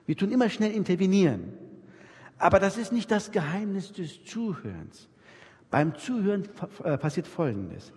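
A man delivers an animated sermon, his pitch swinging widely as he acts out little dialogues and turns to his listeners. His voice is slightly husky. The sound rings out with the long reverb of a church hall. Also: normal speed. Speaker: preacher to a congregation. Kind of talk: lively sermon.

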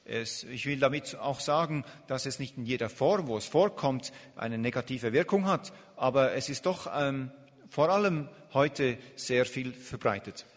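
Male live interpreter, mid voice, halting with fillers; long hall reverb. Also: medium pitch. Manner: hesitant, many filler sounds while searching for words.

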